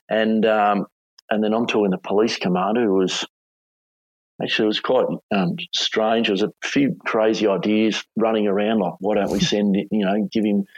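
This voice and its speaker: A middle-aged man with an Australian accent, telling a story conversationally as an interview guest, in a casual, hesitant way with halting phrasing. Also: fairly low pitch, gravelly, darkish tone, slightly rough. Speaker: former police hostage negotiator, interview guest. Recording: dull, echoey room recording.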